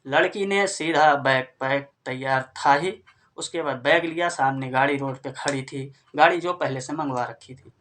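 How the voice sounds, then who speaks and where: A man's voice: fairly high pitch, a bit bright, a little hiss or hum. A man from northern India retelling a family story in a casual, conversational way and addressing listeners as friends. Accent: Hindi-speaking northern India.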